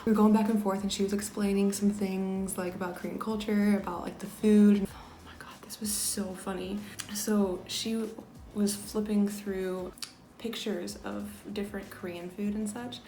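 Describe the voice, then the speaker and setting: A young American woman chats through a travel story at a middling pitch, her talk full of fillers. At times she slips into a near whisper. Her voice rings in an echoey room. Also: little pitch movement, moderate pace, dark tone, a little hiss or hum. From United States. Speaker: vlogger. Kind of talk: casual storytelling.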